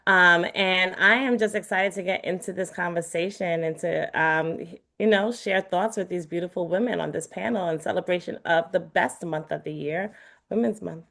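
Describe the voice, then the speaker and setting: Lower-voiced woman from Brooklyn. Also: vocal fry, fairly bright tone. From Brooklyn, New York. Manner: measured, with ums. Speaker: panelist. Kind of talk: casual panel chat.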